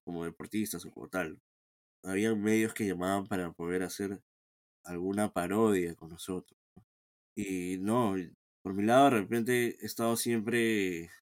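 A calm man from Peru with a low voice and a Peruvian Spanish accent is a guest in a casual interview, where he is the founder of a sports team. He is reflective and often restarts or repeats words.

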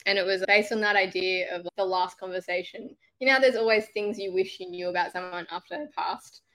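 Hoarse woman co-host with a cold. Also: mid-range voice, fairly even intonation, fairly quick, a bit bright. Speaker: podcast co-host. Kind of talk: casual podcast chat.

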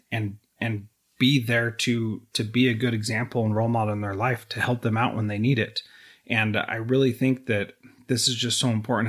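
A man's voice: lowish voice, a bit bright, breathy edge. A man hosting an education podcast, talking earnestly and at times emotionally. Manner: earnest, emotional, speaks in quick bursts. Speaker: podcast host. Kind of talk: conversational interview.

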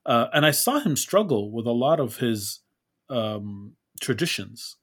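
A man from Canada hosting a casual podcast interview. His voice sits at an ordinary middle pitch. He talks in a friendly, easygoing way, laughs easily, and leads with open questions. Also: very animated, a little slow, breathy edge. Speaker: podcast host.

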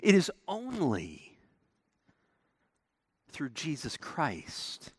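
A man preaching a sermon as pastor, animated, swinging between emphatic declarations and low, quiet lines. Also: very slow, slightly rough, dry recording, studio quality.

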